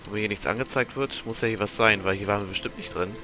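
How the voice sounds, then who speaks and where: A man with a lowish voice gives casual, off-the-cuff commentary while gaming. He mutters to himself with a mild grumble, and game music plays clearly behind him. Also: fast. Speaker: let's player.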